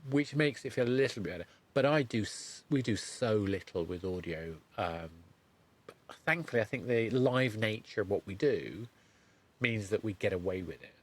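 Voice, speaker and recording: This middle-aged podcaster keeps the interview loose and rambling, pausing and self-correcting as he goes. His voice is lowish and animated.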